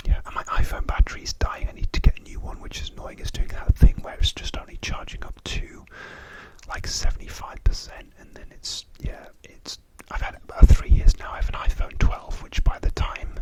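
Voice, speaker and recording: A man's voice: fairly quick, rough recording. Whispering British man rambling in ASMR style. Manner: chaotic, hesitant, wandering, repeats words softly. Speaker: ASMR video host. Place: hotel room.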